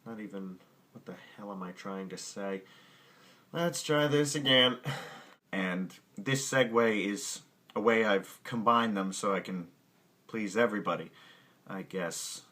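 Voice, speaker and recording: Speaking a little slowly, this man has a bright, forceful voice on the low side. In casual outtakes from the music lesson podcast he hosts at the piano, he keeps tripping over his words, laughing at himself and swearing under his breath, backed by his own piano or guitar playing.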